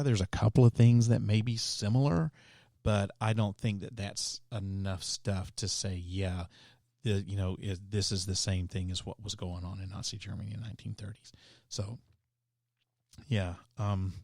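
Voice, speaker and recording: A man's voice: lowish voice, a little mellow, no echo, clean studio sound. A man hosting a podcast on his own, talking loosely and with strong opinions, full of fillers and restarts. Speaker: podcast host. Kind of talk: casual solo podcast monologue.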